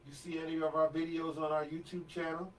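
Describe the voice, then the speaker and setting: A man's voice: on the high side, flat delivery, fairly quick. A man co-hosting a live painting class from a home studio, upbeat as he reads out viewer comments and agrees a lot. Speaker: co-host reading viewer comments. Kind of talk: live stream chat. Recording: distant mic with faint background noise.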